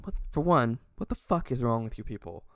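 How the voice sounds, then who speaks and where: A man's voice: medium pitch, expressive, fairly quick, no echo, clean studio sound. A young man in a casual comedy vlog, ranting animatedly with lots of swearing and laughter. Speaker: video creator.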